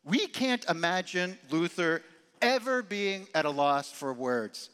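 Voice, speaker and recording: A man preaching a sermon as pastor, emphatic and animated, sometimes dropping his voice very low and soft. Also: slow pace, clean tone, in a large hall. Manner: animated, emphatic preaching with dramatic drops to quiet.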